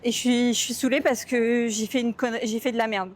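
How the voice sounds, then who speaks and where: A woman's voice: fairly high pitch, steady tone, fairly quick. A young woman vlogging casually to camera, rambling and self-mocking with slang and fillers, upset and hungry. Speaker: travel vlogger. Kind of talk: casual vlog chat to camera. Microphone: camera mic.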